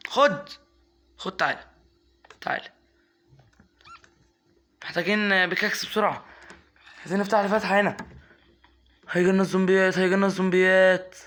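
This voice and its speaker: A young man with an Egyptian Arabic accent giving casual gameplay commentary, coaxing and scolding his in-game pet and breaking into excited yelps. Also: high-pitched, brisk, pauses often, soft background music. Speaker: gaming YouTuber.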